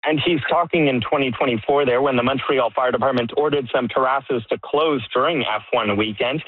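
A man's voice: mid-range voice, no echo. Man reporting over a tinny line. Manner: steady, plain reporting with short listed phrases. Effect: tinny phone-line sound. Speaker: field reporter. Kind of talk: live radio news report. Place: outdoor street setup site.

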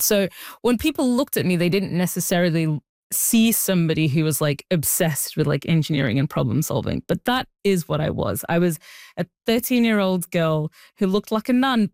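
A young woman, telling her story as an interview guest, animated and full of fillers. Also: lowish voice, no room sound, studio quality. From Sudan. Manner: animated, with frequent "like" and "you know" fillers. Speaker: guest, engineer and writer. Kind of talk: interview conversation.

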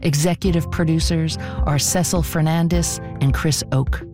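A woman's voice: deep voice, fairly even intonation, moderate pace, over music. A woman hosting a podcast, reading scripted narration. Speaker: podcast host.

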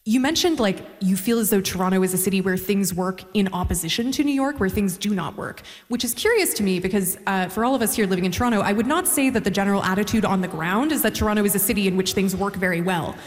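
Fast-talking woman interviewer, long reverb of a hall. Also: mid-range voice. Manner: rapid, thoughtful questioning. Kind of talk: onstage interview questions.

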